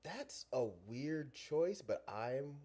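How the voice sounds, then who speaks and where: A man co-hosting a casual podcast who talks animatedly, swears freely and breaks into loud laughter. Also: medium pitch, expressive, very slow. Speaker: podcast co-host. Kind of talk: casual chat.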